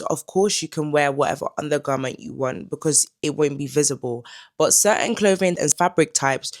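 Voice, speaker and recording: A young Dutch woman from the Netherlands, whose first language is Dutch, gives advice as a lifestyle vlogger talking to camera. Her voice sits low, and she speaks calmly and instructively, addressing the viewer directly.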